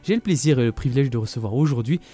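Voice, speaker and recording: A man's voice: medium pitch, expressive, rapid-fire, mellow, soft background music. A man hosting a radio interview show, talking in a jokey, playful way in a studio.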